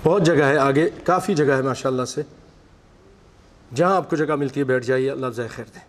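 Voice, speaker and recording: A man preaching a sermon to a seated congregation, reciting Arabic passages and then explaining them in vivid storytelling. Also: medium pitch. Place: mosque hall with seated congregation. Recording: long echoey hall reverb.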